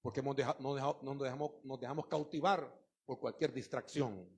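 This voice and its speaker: A middle-aged man preaching a sermon, emphatic and swinging between loud outbursts and hushed asides. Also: mid-range voice, fairly even intonation, fairly quick, slightly rough.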